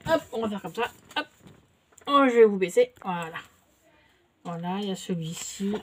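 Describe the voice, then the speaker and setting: Medium pitch, animated, moderate pace: that's the voice of this French-speaking haul vlogger, who chats informally with viewers while showing what she bought, with frequent fillers and little pauses.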